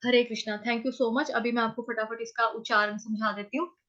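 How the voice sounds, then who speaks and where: High, bright-voiced woman teaching chanting. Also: fairly even intonation, dull audio. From North India. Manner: explains pronunciation syllable by syllable, chants words slowly. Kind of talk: online scripture chanting lesson. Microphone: video call.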